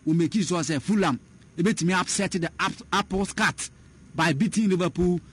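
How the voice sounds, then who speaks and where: A man discusses football in a radio sports chat, rattling along fast and restarting phrases as he goes. His voice sits a little high, and his talk slides between Twi and English. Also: breathy edge. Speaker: sports pundit.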